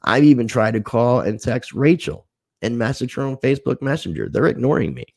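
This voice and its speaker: A man's voice: mid-range voice, animated, a little fast, darkish tone, dry recording. A man hosting a casual livestream, reading viewer comments, thanking people by name and airing a grievance. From United States. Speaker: livestream host.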